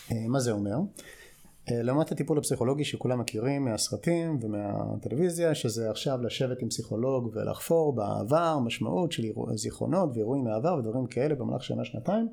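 Speaking with an American accent, a male clinical psychologist lectures as an interview guest, pausing now and then to ask quick check-in questions. His mid-range voice is dark and gravelly, and he sounds animated.

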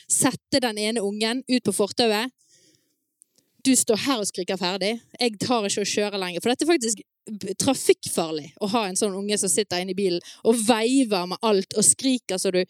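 A woman speaking to parents at an evening event, telling stories in a lively, chatty way with frequent laughs. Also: a little high, dry recording, clean studio sound. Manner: many fillers and restarts, asks the audience "sant?". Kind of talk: live talk to an audience.

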